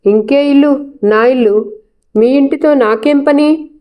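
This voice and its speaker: A woman's voice: high voice, slow, mellow, pitched above the performer's own voice. A woman voicing a proud, stern young husband who speaks with clipped, restrained anger.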